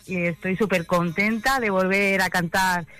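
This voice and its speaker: A woman's voice: medium pitch, fairly even intonation, moderate pace, a bit bright. A woman, a singer, talking in a radio interview, hesitating and restarting her sentences. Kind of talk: casual interview chat.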